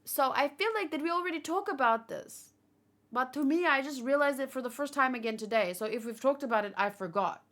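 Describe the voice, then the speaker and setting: Speaking a little fast in a high, animated and somewhat bright voice, a livestream host chats with her audience. She's fatigued from the long session and meanders through fan theories while thinking aloud.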